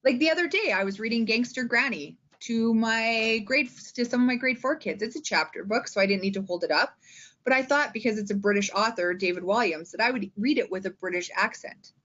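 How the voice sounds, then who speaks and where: Talking a little fast in a fairly high, somewhat bright voice, a schoolteacher gives informal instruction on reading aloud. Her emphatic, theatrical style includes frequent check-ins with the listener. High frequencies are cut off.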